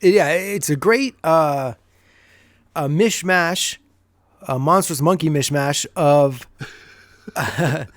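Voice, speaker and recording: A man's voice: a little high, slow, pauses often, no room sound, clean studio sound. A man co-hosting a podcast, recapping an episode in a casual, chatty way and often chuckling as he goes. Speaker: podcast co-host.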